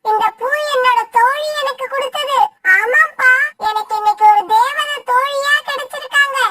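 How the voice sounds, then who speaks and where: A woman voicing a small, cheerful young female sparrow in a cartoon story, with a very high childlike voice. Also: moderate pace, bright, forceful tone, no echo, clean studio sound. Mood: earnest. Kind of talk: cartoon voice acting.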